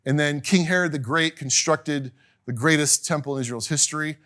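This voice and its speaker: A middle-aged man teaching a casual class, chatty and animated, acting out little quotes and laughing now and then. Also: fairly high pitch, normal speed.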